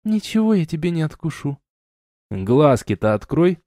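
A man voicing a playful young she-wolf woman in an audiobook, teasing and pouting in a raised, softer voice. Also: sing-song, moderate pace, no echo, clean studio sound. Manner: teasing, pouting, higher and softer than the narrator.

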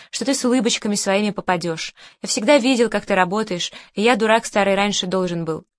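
A woman reading the part of an older male producer who hectors and bullies in crude, rough speech, in a dry recording. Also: medium pitch, no echo, lightly acted. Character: older male producer, loud, bullying and hysterical.

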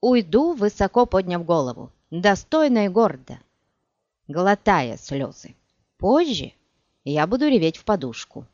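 A woman voicing a proud, scornful sorceress who speaks in a sharp, biting, mocking way, in an audiobook. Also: on the low side, sing-song, a little slow, no echo. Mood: furious. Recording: dull dry recording.

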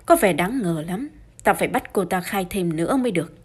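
A woman's voice: lowish voice, animated, a little fast, husky. A woman voicing a firm, formal older police chief in an audiobook. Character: firm older male chief constable, impatient.

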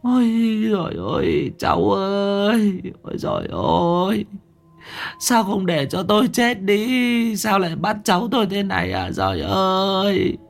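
A man voicing an old grandmother who wails and sobs in drawn-out cries over her grandson. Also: sits high, big pitch swings, vocal fry, soft background music, voice pushed up, full character voice. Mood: wailing grief. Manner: sobbing, drawn-out wailing cries.

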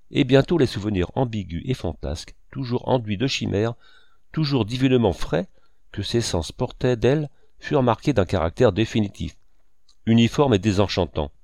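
A man narrating a literary novel as an audiobook in a measured, expressive reading. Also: lowish voice, creaky, dry recording, clean studio sound.

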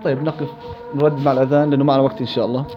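A man teaching a live Quran recitation class in Levantine Arabic, questioning students and drilling examples slowly and repeatedly. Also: medium pitch, level tone, lo-fi sound, music in the background.

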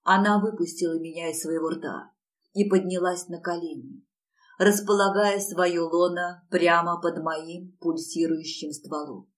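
A woman reading a first-person romance audiobook in a soft, intimate, unhurried way. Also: lowish voice, fairly even intonation, rough recording. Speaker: audiobook narrator.

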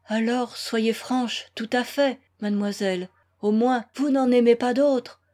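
A woman's voice: on the high side, steady tone, a little slow, dark tone, lightly acted. Woman reading an anguished young man pleading. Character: desperate young man pleading with his beloved.

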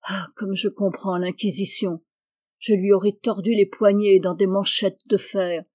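A woman's voice: medium pitch, fairly even intonation, unhurried, darkish tone, dry recording, clean studio sound, close to an everyday voice. A woman voicing a tormented, jealous husband in a dramatic audiobook reading, with intense, obsessive outbursts. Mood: raging, obsessive. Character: jealous, tormented husband raging over his wife.

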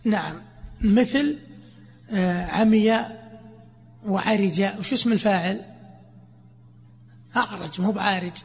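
A man teaching Arabic grammar, asking questions and answering them himself while repeating examples slowly. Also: high voice, creaky, darkish tone, breathy edge. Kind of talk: classroom explanation of grammar. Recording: echoey, dull lo-fi lesson recording.

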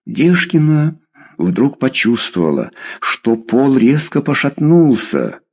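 A man reading an audiobook with expressive storytelling. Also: mid-range voice, slow pace, husky. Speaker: narrator. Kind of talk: audiobook narration.

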